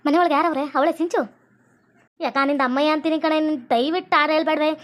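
A woman with a North Karnataka Kannada accent reeling off comic cartoon banter. Her voice is very high and she races through the bickering at top speed. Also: steady tone, fast talker. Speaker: cartoon voice artist.

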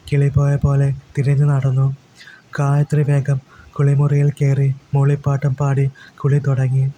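A man reading a story aloud as storyteller, in an even, unhurried way. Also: medium pitch, a little hiss or hum, low-quality recording. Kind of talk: storybook narration.

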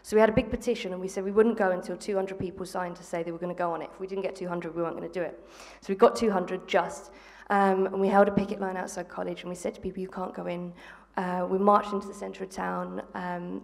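A former school strike organiser in her thirties from England joins a live panel discussion on a theatre stage, talking earnestly into a handheld mic with frequent ums and restarts. Her mid-range voice has vocal fry and a darkish tone, and the hall's long reverb trails behind her before the audience.

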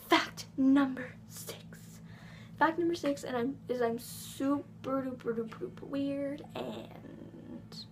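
Chatting to camera at home, a teenage vlogger of fourteen from England, whose accent carries a slight Southern US flavor, talks in a bubbly way peppered with "ums." Her high voice has a gravelly edge, there's background noise, and the device camera capturing her rests on a table in the living room.

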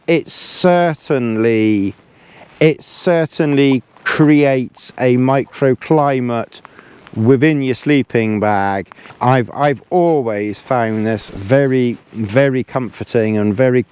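A man with a mid-range, a little mellow, clean-toned voice casually reviews camping gear. He's an outdoor gear vlogger lying in a sleeping bag inside a small tent, chatting, rambling, repeating words and chuckling.

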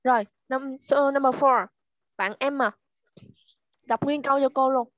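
Woman, online English teacher, high-pitched, repeats words for pronunciation, dry room. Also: steady tone, measured pace, dry recording, lo-fi sound. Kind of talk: online English class for children. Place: at home.

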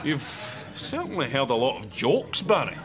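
An actor with a Scottish accent playing a jovial, pushy company boss telling jokes in sketch comedy, chuckling heartily. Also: male voice, mid-range voice, huge pitch swings, moderate pace.

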